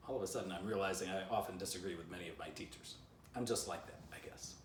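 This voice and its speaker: This fast-talking man in his fifties has a low-pitched voice and reads aloud from a children's book he wrote, with playful, chatty asides to kids. The setting is an indoor living room beside a fireplace. Picked up by a camera a few feet away, the recording is roomy and slightly distant, carrying a little hiss or hum.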